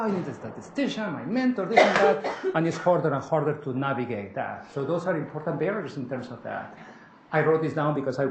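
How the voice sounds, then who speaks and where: A man from Peru with a Peruvian Spanish accent, leading an interactive writing seminar and often asking the room "correct?". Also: a little high. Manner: animated, asks the room, often tags "correct?". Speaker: workshop leader. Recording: echoey room, faint noise.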